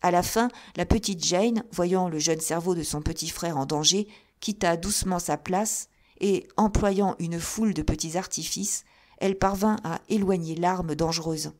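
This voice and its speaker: Woman narrator, audiobook, lowish voice, measured delivery. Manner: even, measured storytelling. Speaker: audiobook reader. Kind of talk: audiobook narration of a classic novel.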